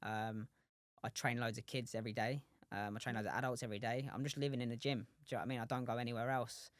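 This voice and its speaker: A young man in his twenties talks quickly and openly as a podcast guest, rambling and restarting sentences, tossing in asides to the host. His voice sits at an ordinary middle pitch and is recorded dry and close, with no room sound. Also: fairly even intonation, no room sound. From England. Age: 20s. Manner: rambling, many restarts and "do you know what I mean". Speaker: guest, professional boxer. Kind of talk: casual interview chat.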